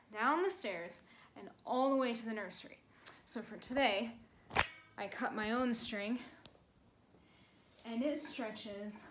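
A woman in her twenties giving a children's sermon from her bedroom, telling a story gently to kids with playful emphasis, recorded on a phone camera. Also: fairly high pitch, slight background noise, poor audio. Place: small bedroom at home.

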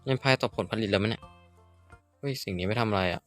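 A man's voice: lowish voice, fast talker. Young man, casual let's-play chat, sudden exclamations, faint background music. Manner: chatty, self-mocking, sudden exclamations. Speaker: gaming YouTuber.

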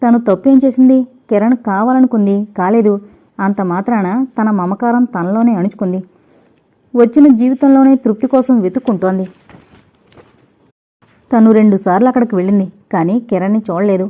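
A woman reading a novel aloud in a measured storytelling manner. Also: medium pitch, dark tone. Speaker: audio novel narrator. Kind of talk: scripted narration. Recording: dull lo-fi recording.

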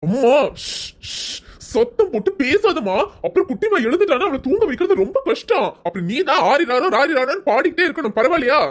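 A soft-hearted young husband fusses and coaxes in gentle baby talk, as a woman acts him out. His cartoon voice is high and very lively, swinging up and down as he soothes. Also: brisk. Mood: coaxing. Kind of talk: cartoon serial voice acting.

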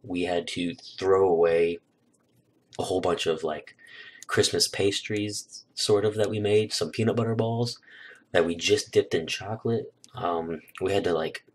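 Using a new desk mic, a young man casually recounts a holiday on his vlog, wandering off track and leaning heavily on fillers in a relaxed way. He speaks a little slowly, his voice sitting low.

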